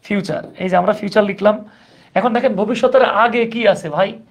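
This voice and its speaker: A man teaching English grammar in a relaxed, conversational way, asking students questions and joking along. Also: high voice, normal speed. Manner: conversational, asks the class questions, jokes. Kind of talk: grammar lesson.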